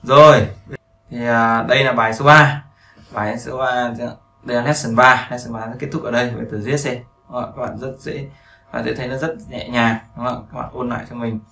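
A man's voice: medium pitch, steady tone, fairly quick, creaky, pushed and bright, echoey room, far from the mic. A male English teacher explaining grammar to beginners, repeating himself and often checking in with his listeners.

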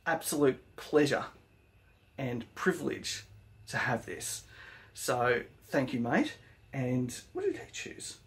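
A man's voice: medium pitch, lively intonation, slow pace, long pauses. An Australian man narrating a casual woodworking vlog, enthusiastic and full of slangy praise. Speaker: woodworking vlogger.

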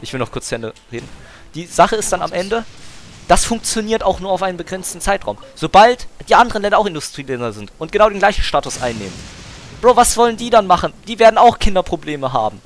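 While playing a game on stream, a young man argues in slang and keeps going through interruptions in a casual chat. His high voice swings widely in pitch and moves fast, over slight background noise.

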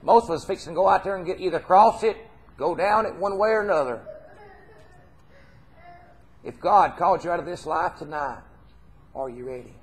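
A middle-aged man with a Southern US accent preaches a folksy, earnest, informal sermon, repeating phrases for emphasis. His voice sits high and moves at normal speed with long pauses. He's on a church hall stage indoors.

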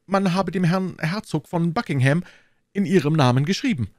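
A man voicing an anxious, fussy middle-aged landlord in an audiobook, in a high, strained, wordy and timid voice. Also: lively intonation, normal speed, no room sound, studio quality, close to an everyday voice. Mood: fretful. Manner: wordy, timid, eager to please. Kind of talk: audiobook reading.

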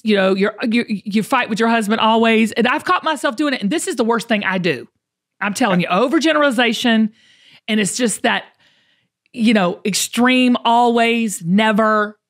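This Southern US woman hosts a motivational talk podcast, her voice fairly high. She's emphatic and folksy, repeating phrases to hammer them home.

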